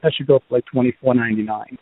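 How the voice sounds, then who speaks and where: This podcast host speaks rapid-fire in a medium-pitched, steady tone, his Boston accent clear as he rambles casually through reviews with lots of ums and uhs. It's a dry, phone-like lo-fi recording without room sound.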